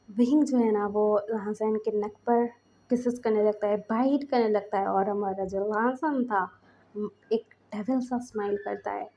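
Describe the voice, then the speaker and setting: A woman's voice: fairly high pitch, dark tone, dull audio. Chatty woman telling a story. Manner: chatty, with fillers. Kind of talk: casual fanfiction narration.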